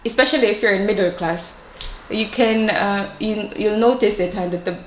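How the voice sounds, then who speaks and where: A woman's voice: medium pitch, normal speed. A young woman with a Filipino accent, chatting casually and rambling, laughing often. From Philippines. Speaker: vlogger. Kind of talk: casual chat. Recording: echoey room, faint noise.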